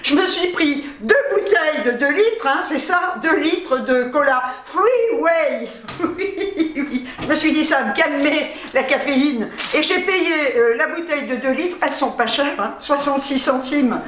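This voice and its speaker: Woman vlogger, high and wound-up, laughing nervously through a haul, roomy echo. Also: lively intonation, measured pace, a bit bright, a little hiss or hum. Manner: agitated, nervous laughter between phrases; swears casually. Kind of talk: casual shopping haul chat.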